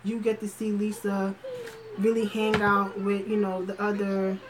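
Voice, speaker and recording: A woman's voice: medium pitch, monotone, unhurried, a crowd in the background, poor audio. Rambling, slangy woman chatting on a livestream. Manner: thinks aloud with many fillers and restarts. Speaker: livestream host. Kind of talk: casual livestream chat.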